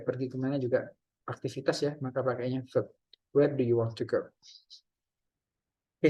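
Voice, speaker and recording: A man teaching English grammar in a relaxed way, reading out example questions and translating each one. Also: medium pitch. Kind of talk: casual classroom explanation.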